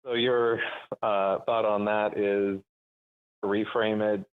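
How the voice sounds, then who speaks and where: Man, caller, clipped phone line, fairly low voice, halting and thoughtful. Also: little pitch movement, smooth. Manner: thoughtful, halting, searching for words. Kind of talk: call-in conversation. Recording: narrow tinny phone line.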